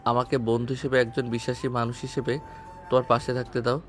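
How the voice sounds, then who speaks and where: An actor with a Bengali accent playing a devoted young husband who speaks softly and earnestly in an audio story. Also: male voice, mid-range voice, level tone, fast, faint music behind, close to an everyday voice. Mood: pleading. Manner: soft, earnest and tender.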